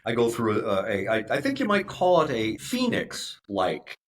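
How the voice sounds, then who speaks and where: A man in his fifties, a podcast guest telling his story in a halting way, with many restarts and repeated words. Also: medium pitch, huge pitch swings, a little hiss or hum. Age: 50s. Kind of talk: casual interview.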